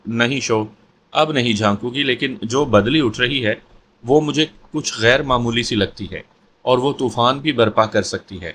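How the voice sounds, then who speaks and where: A man's voice: mid-range voice, fairly bright tone, slight background noise, close to an everyday voice. A man reading an uneasy young woman writer. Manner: earnest, uneasy.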